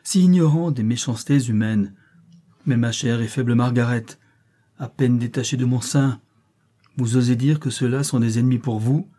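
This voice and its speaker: A man's voice: medium pitch, mellow, slightly rough, natural voice. A man reading aloud voices a desperate European mother who pleads with a sultan for her children's lives, crying out with great passion.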